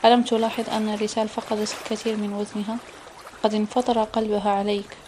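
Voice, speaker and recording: A woman reading the part of a gentle, wise, widowed middle-aged mother in an audiobook, soft and tender. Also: mid-range voice, flat delivery, fast talker, noisy background, lightly acted.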